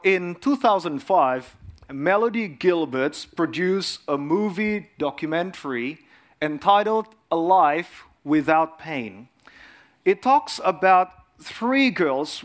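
A middle-aged man from Indonesia, giving an earnest sermon as a guest speaker, pausing often with fillers. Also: fairly high pitch, a bit bright. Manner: earnest, frequent filler pauses. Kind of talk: sermon presentation.

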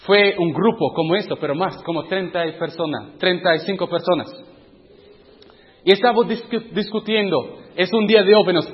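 High-voiced man preaching in an echoing hall. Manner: conversational, asks the audience questions, acts out his own inner dialogue. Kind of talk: testimony sermon to youth. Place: church hall with a youth group. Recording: muffled sound with long hall reverb.

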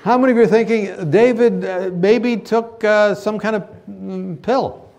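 A man's voice: high-pitched, fairly even intonation, measured pace, creaky, a little mellow. Playful middle-aged man preaching with humor. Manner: playful, teasing, laughs through his own stories; asks the crowd questions and gets them to answer back. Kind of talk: humorous sermon to students. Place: university gathering.

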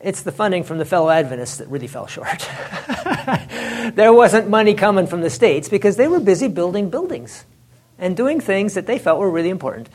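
A man giving an informal religious history lecture, animated and chatty, often laughing and saying "it's like" and "you know". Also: high voice, normal speed.

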